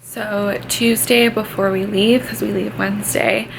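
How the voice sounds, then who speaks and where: A woman talks to her vlog audience in an informal, chatty way. Her mid-pitched voice has plenty of fry, and clear noise sits behind it. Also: level tone, a little slow, poor audio. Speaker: vlogger. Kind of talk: casual vlog chat to viewers.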